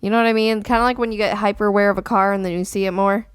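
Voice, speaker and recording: A young woman co-hosting a podcast in casual chat, excitable and quick to laugh. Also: medium pitch, clean tone, no echo, studio quality. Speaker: podcast co-host.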